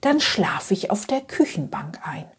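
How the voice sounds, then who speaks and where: A woman voicing a tired, easygoing woman just home from a long journey, musing slowly and drowsily to herself. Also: mid-range voice, very animated, breathy edge, in a whisper, exaggerated voice. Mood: drowsy musing.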